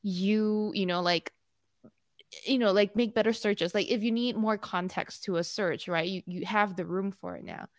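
Talking tech news on a video call from her home, this young female podcast co-host keeps things casual, upbeat, and full of filler words. She speaks at a moderate pace in a steady, mid-range voice. Her studio mic gives a clean studio-grade recording with no room sound at all.

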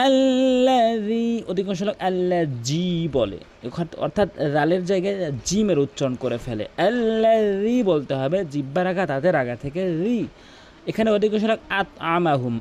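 A man teaching tajweed, demonstrating correct Quran recitation and repeating words slowly to show the right and wrong pronunciation. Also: high-pitched, darkish tone, a little hiss or hum. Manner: drawn-out melodic recitation in demonstrations.

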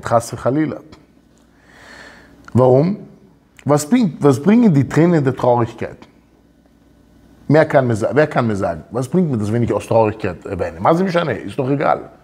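A man delivers a religious lecture with a husky edge to his voice and a very lively, swooping pitch. He asks his listeners question after question and scatters Hebrew terms through the talk. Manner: animated, asks many questions, swings pitch up and down; mixes Hebrew terms into speech. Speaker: Torah teacher.

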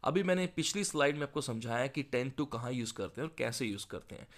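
A man teaching English exam speaking, slowly reading model answers and then explaining them quickly. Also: medium pitch, lively intonation. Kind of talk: spoken language lesson.

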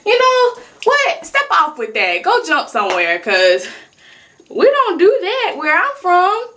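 A woman's voice: unhurried, a little hiss or hum. A woman from Alabama with a Southern accent, ranting and scolding in a vlog. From Alabama, USA. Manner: sassy, scolding, preachy; animated, swings between loud outbursts and low mutters. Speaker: YouTuber. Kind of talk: ranting straight-to-camera vlog.

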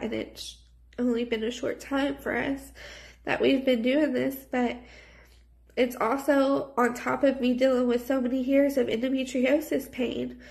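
Lady talking slow to her phone, personal vlog, lots of vocal fry. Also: sits high. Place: small plain indoor room. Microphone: phone at arm's length.

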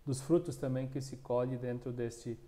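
This man in his thirties, a union coordinator with a southern Brazilian accent, has a dark mid-range voice and fairly even intonation. Answering interview questions, he restarts often and leans on fillers. A lapel mic captures him indoors in a small room with a plain wall.

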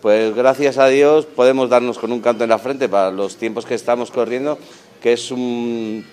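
A man's voice: mid-range voice, steady tone, moderate pace, darkish tone. A man in his thirties, a restaurant manager, answering interview questions in a restaurant dining room, speaking earnestly with frequent fillers and restarts into a handheld mic. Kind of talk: on-camera interview. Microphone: handheld mic held by interviewer.

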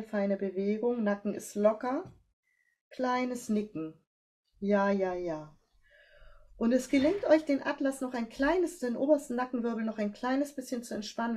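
Calm woman guiding voice exercises. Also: a little high. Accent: German. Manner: calm step-by-step instructions, slow and drawn out on cues. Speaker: voice coach leading a workshop. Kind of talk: guided voice and breathing exercise.

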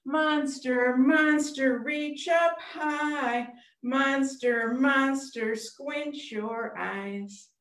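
A middle-aged woman runs an interactive storytime for young children over a webcam video call from a small room at home, asking simple questions in short phrases. Her voice sits high and a bit bright, and she speaks extremely slowly; the computer mic is a step away, giving a roomy echo.

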